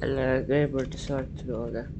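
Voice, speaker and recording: A woman playing a horror game and commentating, reacting loudly and swearing when startled. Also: a bass voice, steady tone, brisk, background noise. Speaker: let's-play gamer. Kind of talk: gaming commentary.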